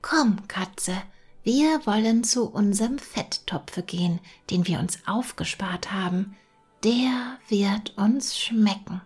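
A woman voicing a small, naive and timid female mouse in a fairy-tale reading, in a high, wondering and often half-whispered voice. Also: slow, darkish tone, husky, faint music behind. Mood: friendly. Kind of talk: storybook reading.

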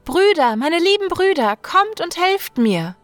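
A woman's voice: fairly high pitch, expressive, normal speed, gravelly, a bit bright, faint music behind, voice pushed up. A woman voicing a frightened young wife in mortal danger who pleads and cries out in panic. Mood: screaming desperately. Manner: flustered, pleading, crying out.

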